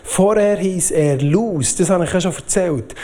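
A man with a Swiss German accent preaching a sermon in a lively, informal way. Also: unhurried. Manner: lively, informal preaching with swings in pitch and loudness.

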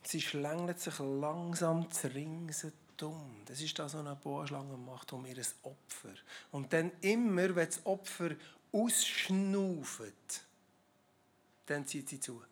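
A Swiss German preacher talks straight to the congregation in a relaxed, chatty sermon. The delivery jokes around and keeps throwing questions at the listeners, with a voice of middling pitch. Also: slow pace, breathy edge. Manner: lively, joking, conversational, asks the audience.

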